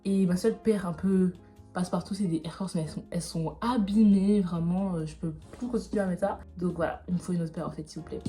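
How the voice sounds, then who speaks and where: A woman's voice: fairly low pitch, quick pace, dark tone, faint music behind. A young woman from Belgium in casual vlog chat, talking straight to her viewers. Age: young adult. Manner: chatty, talks straight to viewers. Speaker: vlogger.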